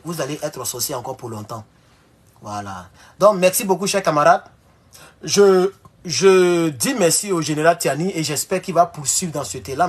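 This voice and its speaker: Hosting a YouTube live stream at home in Mexico, a man speaks in a slightly high voice with a breathy edge. He's blunt and scolding toward commenters, repeating himself a lot and saying "voilà" over and over.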